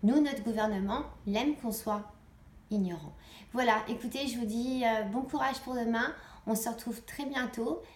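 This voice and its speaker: An online video host speaks to viewers in an informal political address, her voice on the high side at a normal speed. She is earnest and exhorting, repeating phrases for emphasis. The room echoes, and background noise is clearly audible.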